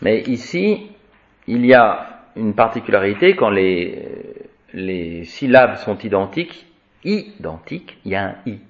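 A man's voice: lowish voice, very animated, measured pace. Man chanting Latin declensions, lo-fi. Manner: chants declensions in sing-song repetition. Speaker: Latin teacher. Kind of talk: spoken grammar lesson.

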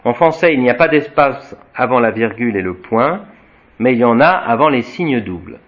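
Man, Latin teacher, mid-pitched, explanatory classroom delivery with restarts; dull lo-fi classroom recording. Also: animated. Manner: slow explanatory, tags sentences with "hein" and "voyez", frequent restarts; spells out Latin words slowly, chanting declensions. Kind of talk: classroom lecture, reading from a textbook and commenting.

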